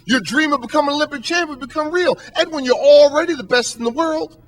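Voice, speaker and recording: Guy putting on an exasperated coach voice, high and pleading, can't believe what he's hearing. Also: fast talker, fairly bright tone. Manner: pleading, incredulous. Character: exasperated male track coach.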